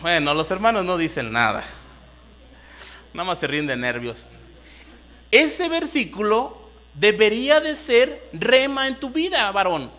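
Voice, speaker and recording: A man's voice: high-pitched, sing-song, a little slow, pauses often, bright, forceful tone. A man with a Mexican Spanish accent preaching a sermon to a congregation, rising into emphatic bursts and asking the room questions. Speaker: pastor. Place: church hall.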